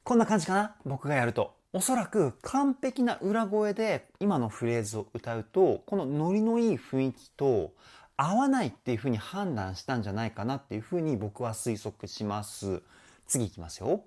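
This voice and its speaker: A man's voice: medium pitch, big pitch swings, normal speed, a little mellow. A man working as a vocal coach, explaining a song's technique with eager, frequent praise. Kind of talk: song analysis commentary.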